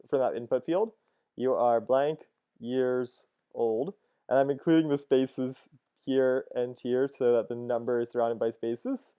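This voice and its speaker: Mellow-voiced man teaching code. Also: mid-range voice, smooth. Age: 30s. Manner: casual, thinks aloud with frequent "uh" and "cool, cool". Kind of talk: screen-recorded coding lesson.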